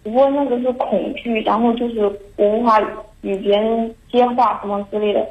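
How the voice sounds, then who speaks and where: A young woman calls in to a talk show and talks in a halting, anxious way, restarting her sentences again and again. Her voice stays flat and even. The sound is dull and lo-fi, as over a phone line. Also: fairly high pitch. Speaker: caller. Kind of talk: call-in confession.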